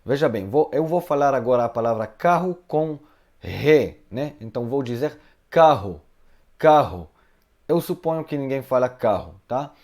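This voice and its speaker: A man's voice: medium pitch, lively intonation, moderate pace, darkish tone. A man whose first language is Hebrew, teaching a live online Hebrew lesson from home and answering viewers' questions, hesitating often and adding tag questions.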